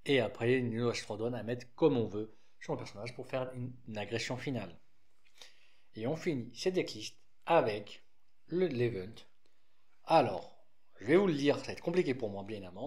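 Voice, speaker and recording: A man with a slight lisp talks through a trading card deck at an average pitch. His delivery is loose and conversational, full of fillers and self-corrections as he explains. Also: lively intonation, moderate pace, darkish tone. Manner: rambling, frequent restarts and fillers, informal. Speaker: card game deck presenter.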